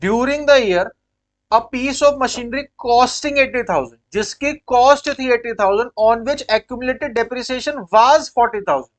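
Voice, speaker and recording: A man's voice: extremely high pitch, fairly bright tone. A man with an Indian accent teaching accounting in a lecture style, quizzing his pupils and repeating key points in mixed Hindi and English.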